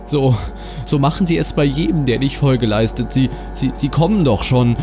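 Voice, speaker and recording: A man's voice: medium pitch, normal speed, voice pushed up, close to an everyday voice. A man playing a stammering, panicky old grandpa. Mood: panicked. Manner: stammering, repeating words. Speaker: nursing home resident. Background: music.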